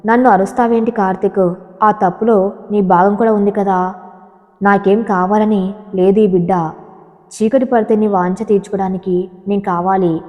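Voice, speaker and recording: A woman's voice: medium pitch, fairly even intonation, moderate pace, long pauses, highs cut off, lightly acted. A woman reading the lines of a hurt young wife who speaks in a shaky, tearful way, in a storybook. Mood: tearful anger. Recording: long hall reverb.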